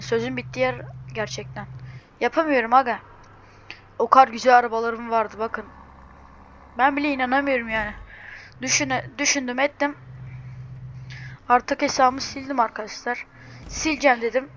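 A young woman hosting a car game video, talking in a hurried, distraught way and swearing oaths as she goes. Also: on the high side, fairly bright tone, highs cut off, a little hiss or hum. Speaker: mobile car game channel host. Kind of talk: gaming screen-recording vlog.

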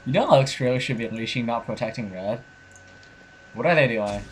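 A man's voice: medium pitch, fairly quick, faint music behind. Young man in casual gaming chat. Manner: laughing, swears casually. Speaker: gamer playing and commentating.

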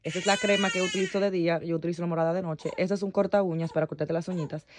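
Chatty young mom. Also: female voice, fairly even intonation, very fast. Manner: chatty, talks to baby in a high cooing voice. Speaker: mother vlogging her baby's routine. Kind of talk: casual vlog narration. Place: home nursery, indoors.

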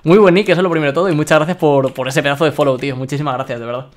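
A young man from Spain chatting excitedly while streaming a game and reading his chat aloud. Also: on the high side, rapid-fire. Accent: Spain Spanish. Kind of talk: live-streamed gameplay commentary.

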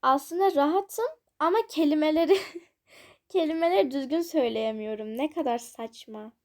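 A woman's voice: high-pitched, moderate pace, darkish tone. A young woman casually commenting on a café game she is playing, chatting to her viewers with giggly, self-conscious asides. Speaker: gaming channel host.

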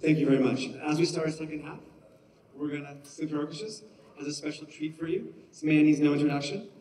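A man's voice: fairly high pitch, steady tone, fast talker, dark tone, slight background noise. A man hosting a concert, making chatty, upbeat stage announcements in a concert hall, heard from far off. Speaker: concert host.

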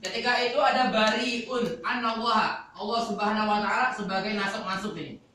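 A man's voice: high-pitched, steady tone, brisk, bright, forceful tone, a little hiss or hum. A male Quran teacher giving a classroom lecture, explaining step by step and asking the class questions. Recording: echoey hall, voice from far off.

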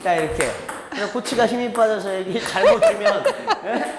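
Man coaching with lively pitch. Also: moderate pace, heavy background noise. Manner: animated, talks while demonstrating, chuckles often. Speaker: table tennis coach. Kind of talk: hands-on coaching demonstration. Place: large indoor table tennis hall. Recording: echoey hall with ball clicks behind.

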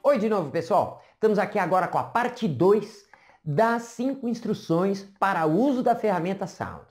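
A woman's voice: mid-range voice, lively intonation, moderate pace, darkish tone, faint music behind. A woman explaining an online language lesson, chatty and checking in with rhetorical questions as she goes. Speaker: English teacher.

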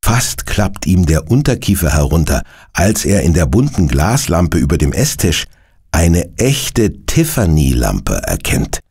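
Brief: male narrator for a children's audio drama, gravelly voice, lively tone. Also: low-pitched, a little slow. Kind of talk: scripted storytelling for children.

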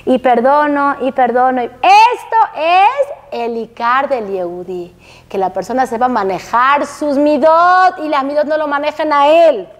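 High-voiced woman teacher, emphatic. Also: a little slow. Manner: lively, emphatic, rhetorical questions to the audience. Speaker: religious teacher. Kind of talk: Torah lecture to women. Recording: long hall reverb.

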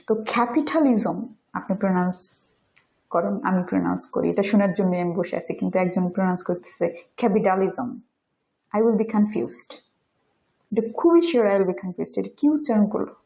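A woman whose first language is Bengali, teaching English pronunciation in a video lesson and saying example words slowly. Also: medium pitch, gravelly, mellow, rough recording. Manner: explains step by step, demonstrates English words slowly.

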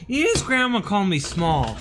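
A young man playing a video game while drunk, swearing, yelling at enemies and chatting with a friend. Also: high voice, huge pitch swings, unhurried, soft background music. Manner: loud, profane outbursts at the game. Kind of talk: casual gaming banter.

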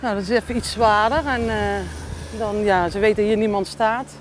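A woman in her thirties outdoors by a race course, talking with a reporter and shouting cheers for a racer. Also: medium pitch, fairly even intonation, moderate pace, a little hiss or hum. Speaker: athlete's sister and spectator.

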